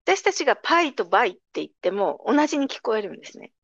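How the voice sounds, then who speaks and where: A woman's voice: a little high, fast talker, no echo. Middle-aged woman explaining pronunciation, voice jumps up and down a lot, dull dry lo-fi sound. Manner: patient, explanatory, lively intonation. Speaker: language teacher. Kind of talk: explaining pronunciation in a casual conversation.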